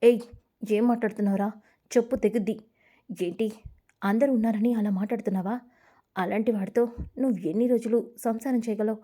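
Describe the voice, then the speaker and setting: A woman's voice: a little high, fairly even intonation, a little fast, pauses often, mellow, lightly acted. A woman voicing a brazen young man, coaxing. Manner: sly, coaxing.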